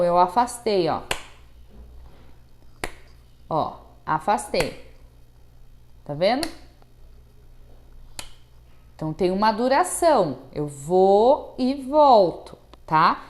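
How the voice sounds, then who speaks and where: A woman's voice: mid-range voice, slight background noise. A Brazilian woman teaching music theory to students, patient and checking in often, counting and chanting rhythm syllables aloud. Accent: Brazilian Portuguese.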